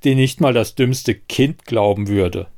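A skeptical village neighbor, as a male narrator puts him on, dry and mocking in tone. He speaks slowly and unhurriedly, as a figure in a read-aloud story. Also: medium pitch, darkish tone, close to an everyday voice. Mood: scoffing. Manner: dry, scoffing.

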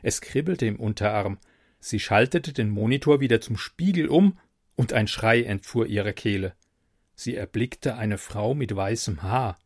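A man narrating a story in a calm audiobook reading. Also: lowish voice, measured pace, slightly rough, no room sound, studio quality.

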